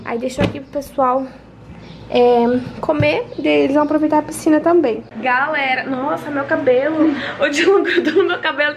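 A woman's voice: high voice, slight background noise. A young woman from Brazil vlogging at home, chatting with her viewers and telling them about her day step by step on a handheld camera. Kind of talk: casual family vlog narration. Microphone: handheld vlog camera.

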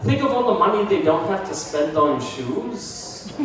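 Speaking slowly in a high-pitched voice, a man in his thirties from the United States does self-deprecating stand-up in a small indoor bar with brick walls. He's animated, uses a handheld mic, and puts on voices for bits. The clip was shot on a phone from the audience, far off and echoey, with laughter in the background.

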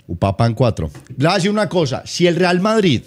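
A young man from Colombia with a Paisa accent, chatting excitably on a home live stream, swearing and teasing. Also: fairly high pitch, a little fast. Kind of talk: casual live-stream chat.

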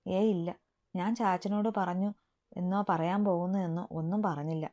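A woman voicing a timid, soft-spoken young woman, a younger sister, in a dull lo-fi recording. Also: lowish voice, steady tone, normal speed, lightly acted.

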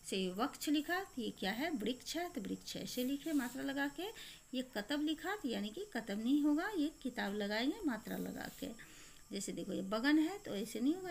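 Slightly gravelly teacher woman guiding children. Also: fairly high pitch, a little hiss or hum. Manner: explains step by step, often asking the children questions and answering them herself. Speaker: primary school teacher. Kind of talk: recorded textbook lesson for young children.

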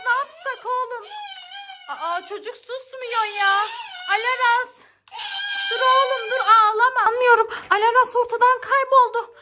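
A woman's voice: extremely high pitch, bright, forceful tone. A woman playing a mother in an acted family comedy skit, fussing and exasperated as she repeats her pleas again and again.

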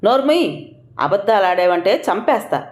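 A woman's voice: mid-range voice, sing-song, normal speed, roomy sound, natural voice. A woman voicing an angry village mother who scolds and curses her daughter. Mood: furious. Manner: shouting, cursing.

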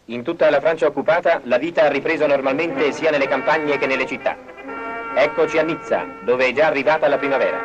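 A man's voice: mid-range voice, quick pace, pauses often. A man narrates a 1940s newsreel travelogue in a formal, scripted announcer's style. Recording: dull, lo-fi 1940s archival newsreel soundtrack. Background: brass music.

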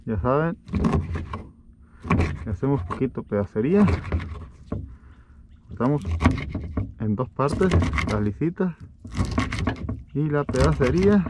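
A man, talking through a fishing trip from a boat outdoors and getting animated when a fish bites. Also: mid-range voice, heavy background noise. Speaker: fishing vlogger. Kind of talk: excited fishing commentary.

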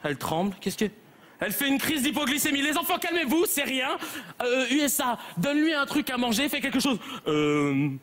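A man's voice: extremely high pitch, very animated, brisk, fairly bright tone. A young male comedian playing an exasperated schoolteacher who scolds his class in a stage sketch. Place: theater stage before an audience.

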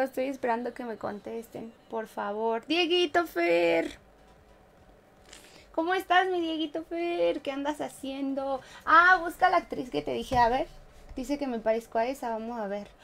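High-voiced playful Mexican woman streamer. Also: gravelly. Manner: playful, chatty, laughs often, hums little tunes. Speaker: game streamer. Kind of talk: casual live-stream chat with viewers.

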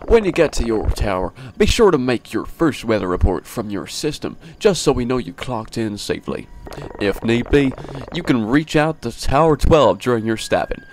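A man voicing a folksy, blunt middle-aged park ranger in a slow, drawling put-on accent for a horror game. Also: medium pitch, sing-song, noisy background. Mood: serious.

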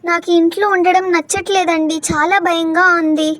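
A woman's voice: extremely high pitch, steady tone, normal speed, fairly bright tone, no room sound. A woman voicing an anxious young wife and mother in a cartoon, who speaks pleadingly. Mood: fearful. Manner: pleading, fearful.

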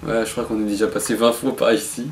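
A man's voice: on the low side, level tone, fast, echoey room. A young man making casual gameplay chat as co-commentator on a horror game video. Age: young adult. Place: dim room at home. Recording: noisy home recording.

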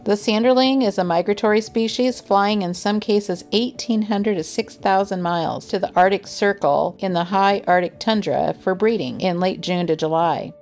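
A woman giving calm, informative scripted narration for a nature vlog, gently enthusiastic as she explains. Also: medium pitch, normal speed, hardly any pauses, faint music behind. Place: voice-over, not recorded on the beach.

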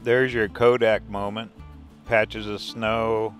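Slow, easygoing man narrating a drive. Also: on the low side, over music. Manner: relaxed, chatty, easily delighted by the scenery. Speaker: RV travel vlogger. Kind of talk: casual road trip narration. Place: outdoors, driving and at roadside pull-offs in the mountains. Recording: outdoor vehicle and road noise.

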